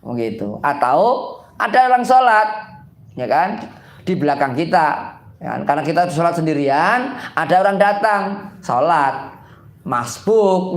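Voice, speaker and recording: Man, folksy preacher, joking, rather high voice, echoey room. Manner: folksy, joking, repeats "gitu kan". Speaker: Islamic preacher. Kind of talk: casual religious study talk.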